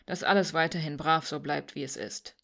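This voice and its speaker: A woman voicing a cynical young man who grew up in the slums, speaking dryly and calmly. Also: low voice, moderate pace, creaky, exaggerated voice. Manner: dry, cynical.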